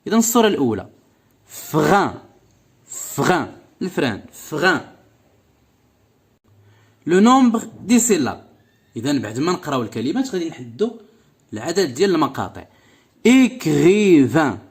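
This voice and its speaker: A man's voice: fairly high pitch, sing-song, fast talker, long pauses, husky. A man with a Moroccan accent teaching a French lesson to young pupils, repeating each word several times and stretching out its syllables, then explaining in Moroccan Arabic. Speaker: primary school teacher.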